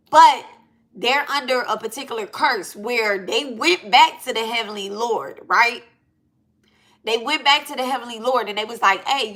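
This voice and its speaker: A woman in her late thirties with a bright, slightly high voice speaks unscripted to her live audience about spiritual matters. A spiritual reader and channel host, she's blunt and animated, sprinkling in slang and checking in with "right?" and "okay?".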